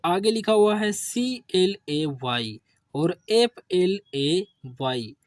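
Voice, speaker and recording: A man teaching an English spelling lesson to children, asking questions and answering them himself in a lower voice. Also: big pitch swings, slow pace, no echo, clean studio sound. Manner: addresses viewers as children. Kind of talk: slow classroom-style spelling lesson.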